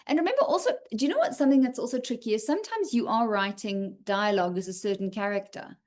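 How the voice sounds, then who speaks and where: On a video call, a woman runs a writing feedback session, reading comments aloud and answering them in casual live chat while reassuring writers with frequent "okay?" check-ins. Her voice is slightly high, animated and fast, with a darkish tone.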